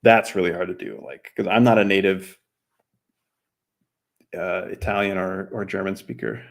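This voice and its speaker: This American streamer, a New Mexico cartoonist, talks in a deep voice with vocal fry at a moderate pace. He draws as he goes, meandering casually through self-deprecating remarks and drifting now and then into other languages.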